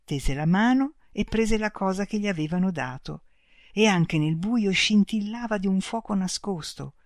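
Calm storybook narrator, even measured reading, dry close sound, mid pitched voice. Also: dry recording. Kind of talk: audiobook reading.

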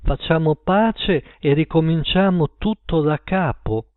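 A man's voice: a little high, lively intonation, unhurried, dry recording. A man reading an audiobook and voicing a bitter, jilted woman who mocks her cheating lover with cutting scorn. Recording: tinny phone-like line.

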